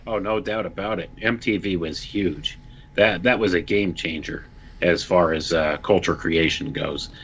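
A man in his forties with a very deep voice chats in a relaxed live-stream discussion. He agrees readily and keeps an easy tone. His sound is muffled, with a faint hiss behind it. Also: unhurried, gravelly. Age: 40s. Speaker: podcast co-host.

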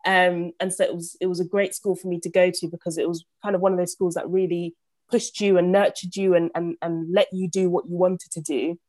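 A property investor in her thirties, born in Uganda and raised in Southeast London, chats as a guest in a casual podcast interview. Her fairly low voice is animated and chatty, with quick, frequent laughs and many restarts, and the sound is close and dry.

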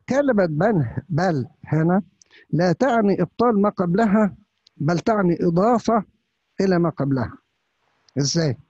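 Man, priest, Upper Egyptian Arabic accent, breathy raised voice, sermon full of rhetorical questions, dull dry recording. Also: fairly high pitch, darkish tone, no room sound.

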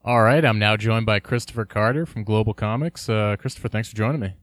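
A man hosting a podcast, introducing his guest in a relaxed, friendly way with some fillers. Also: lowish voice, fast talker, soft background music. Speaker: podcast host. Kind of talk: casual podcast intro and interview.

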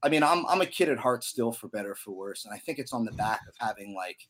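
A young man, a musician guest on a podcast, telling a story in a casual, animated way with lots of "you know". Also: medium pitch, fast talker, crowd noise.

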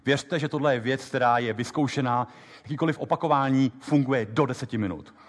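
A man giving a live lecture on memory techniques, explaining quickly and lively with many fillers. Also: medium pitch. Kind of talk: live lecture with app demo. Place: lecture hall with audience. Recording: long hall reverb.

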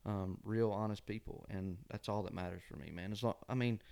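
A man's voice: lowish voice, fairly even intonation, a little fast, vocal fry, a little mellow. A man from Georgia with a Southern accent and a nasal twang, chatting casually and folksily as a musician guest in an interview. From Georgia, USA. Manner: folksy, often ends phrases with "man". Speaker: country singer-songwriter guest.

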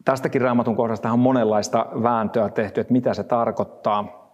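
A man giving a thoughtful Bible reflection, pausing often and restarting his words. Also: medium pitch, fairly even intonation, long reverb tail, dull audio. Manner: thoughtful, halting, frequent restarts. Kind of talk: reflective Bible devotional talk.

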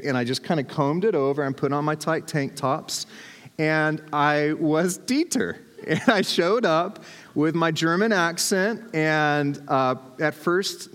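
Male pastor, light humorous storyteller, slightly high voice, reverberant sanctuary. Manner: storytelling, self-deprecating humor. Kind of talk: sermon. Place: church sanctuary. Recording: long hall reverb.

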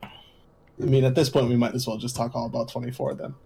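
A man co-hosting a podcast in casual chat, joking and teasing with quick quips. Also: mid-range voice, little pitch movement, creaky, background noise. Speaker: podcast co-host.

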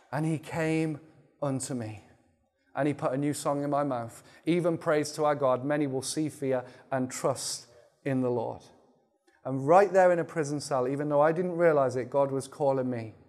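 A man preaching a sermon, sharing his testimony and praying, moving between loud emphatic bursts and quiet, intense moments. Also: a little high.

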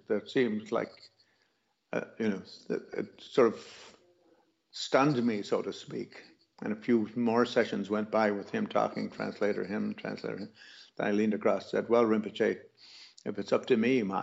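A man with a low, gravelly voice tells a personal story, unhurried and reflective, often circling back and restarting his phrases. The recording sounds dull and lo-fi. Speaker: teacher recounting a personal story. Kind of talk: casual storytelling.

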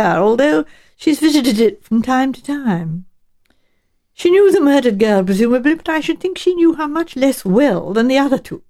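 In an audiobook, a woman with a fairly high but dark-toned voice plays a male English professor who is courteous and frank. Her delivery is measured and direct.

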